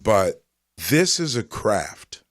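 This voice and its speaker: A man's voice: fairly low pitch, very animated, very slow, fairly bright tone. Laid-back swearing comedian, man. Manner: laid-back, profane, advice-giving. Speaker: stand-up comedian, guest. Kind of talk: casual podcast chat.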